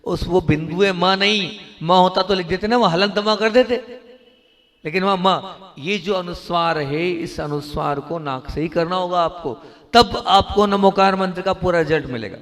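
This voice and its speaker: A man, a Jain monk, preaches to a gathered audience in a fairly high voice, teaching slowly and checking in with frequent questions. His words ring out with a long echo around a large hall, and now and then he draws syllables out into a sung chant. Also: fairly bright tone. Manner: instructive, repeatedly asks the audience questions. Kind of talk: devotional sermon and pronunciation lesson.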